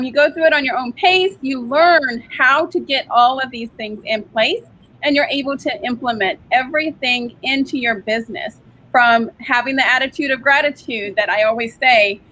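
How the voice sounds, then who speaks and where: A woman from San Diego, a guest in an interview, upbeat and quick to laugh. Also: high voice, bright, forceful tone, low-quality recording. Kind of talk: interview answers.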